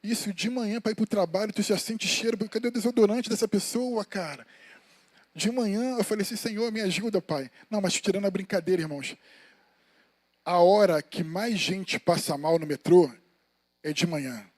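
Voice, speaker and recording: A Brazilian man preaches an informal sermon, swapping between exhortation and chatty personal anecdotes. His voice sits high for a man. The sound is dry, with little room echo. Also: normal speed, a little mellow. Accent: Brazilian Portuguese. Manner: colloquial, storytelling, addresses listeners as brothers. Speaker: evangelist preaching. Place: church sanctuary.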